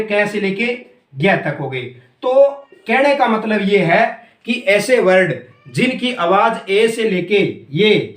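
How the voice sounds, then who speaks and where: A man's voice: high-pitched, a bit bright, echoey room. A man teaching English grammar in a classroom-style lesson, explaining step by step and often checking that students follow. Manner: explains step by step, keeps asking "clear?".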